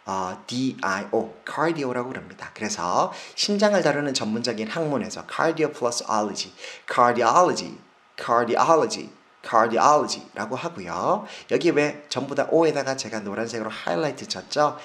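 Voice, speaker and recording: Explaining medical specialties in a relaxed lesson, a male doctor speaks with a medium pitch, lively intonation, and a fairly bright tone. He often uses fillers and self-corrections, and slows down to spell and emphasize English terms.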